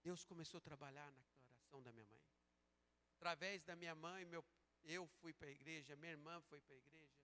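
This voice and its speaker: A man preaching a sermon as a pastor, moving between slow emphatic calls and quieter storytelling. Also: fairly high pitch. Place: church sanctuary. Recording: church sanctuary with long reverb.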